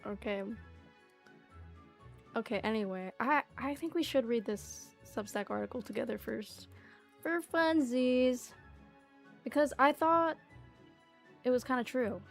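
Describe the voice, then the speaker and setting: A woman's voice: fairly high pitch, a little slow, pauses often. Chatty young woman streamer, faint music. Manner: chatty, playful, filler-heavy. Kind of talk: casual livestream chat and reading aloud.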